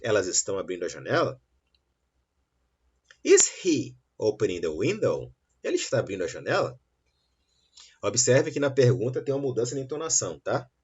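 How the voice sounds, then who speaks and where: A man teaching an English lesson, saying model sentences slowly and clearly between quicker explanations. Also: on the low side, very animated, darkish tone. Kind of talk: online English lesson for Portuguese speakers. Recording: dull, lo-fi sound.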